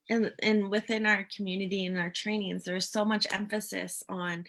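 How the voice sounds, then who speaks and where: A woman's voice: medium pitch, level tone, a bit bright. A woman hosting an online interview, chatting in an upbeat, enthusiastic and casual way. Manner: upbeat, enthusiastic, quick to laugh. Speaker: host. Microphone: video call.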